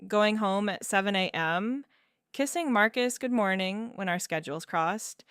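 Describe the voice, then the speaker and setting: A woman in her thirties narrating a first-person story in a measured, wry way. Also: mid-range voice, animated, a bit bright, clean tone, dry recording, studio quality. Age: 30s. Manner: measured, wry, with fillers and small laughs.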